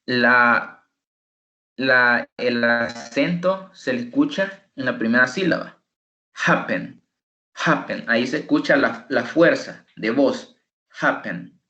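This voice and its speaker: A man tutoring an online English class, speaking slowly and deliberately and repeating words for pronunciation practice. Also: medium pitch, sharp tone, roomy sound, low-quality recording. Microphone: computer microphone.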